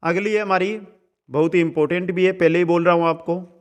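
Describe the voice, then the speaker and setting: High-voiced man chanting, then explaining. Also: steady tone, clean tone. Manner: chants each verse slowly, then explains it in quick asides; addresses students as friends, asks checking questions. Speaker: teacher. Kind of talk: exam-prep lesson.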